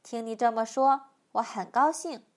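A woman's voice: on the high side, normal speed, a little mellow, close to an everyday voice. A woman reading a storybook voices a small frail old woman who shrieks her exclamations and scolds. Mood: scolding.

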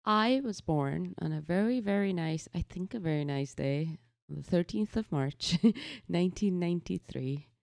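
A woman in her late twenties from India, co-hosting a casual chat, her voice gravelly and sore-throated, nervous and giggly. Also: on the low side, normal speed, a little mellow, dry recording, clean studio sound. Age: 20s. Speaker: podcast co-host.

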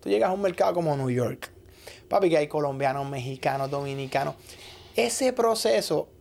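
A Puerto Rican man hosting a studio podcast, his voice gravelly with creak. He asks easygoing questions and keeps nudging his guest to explain. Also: fairly high pitch, moderate pace. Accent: Puerto Rican Spanish. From Puerto Rico. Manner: relaxed, prodding questions. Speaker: podcast host, interviewer. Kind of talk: casual podcast interview.

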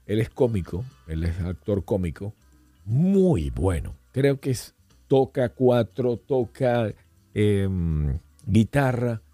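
Un hombre invitado a un pódcast, que cuenta historias de forma animada y coloquial, con muchas frases que se reinician. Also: male voice, lowish voice, takes it slowly, dry recording, soft background music. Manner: animated, rambling storyteller with frequent restarts; colloquial, addresses host as "hermano". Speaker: podcast guest. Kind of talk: casual storytelling chat.

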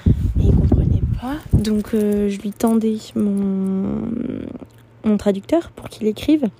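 A woman's voice: mid-range voice, slow, heavy background noise. A young woman vlogging from a hostel dorm, telling a travel story in a rambling way with many fillers and restarts. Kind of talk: casual storytelling.

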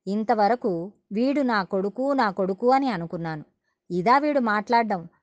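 A woman's voice: medium pitch, expressive, normal speed, dry recording, muffled recording, lightly acted. A woman voicing a grieving king who speaks in a plaintive, humbled way.

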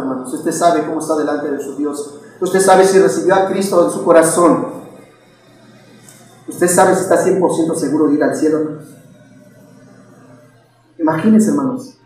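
A man's voice: fairly high pitch, darkish tone. Man preaching in a church, lots of rhetorical questions, super echoey and far from the mic. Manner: keeps addressing listeners as brothers, many rhetorical questions. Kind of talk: sermon.

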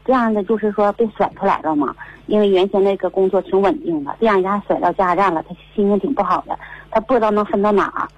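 A woman's voice: mid-range voice, fast, slightly rough. A woman, calling in to a radio advice show and telling her story with many fillers over a muffled line. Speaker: caller. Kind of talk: phone-in advice call.

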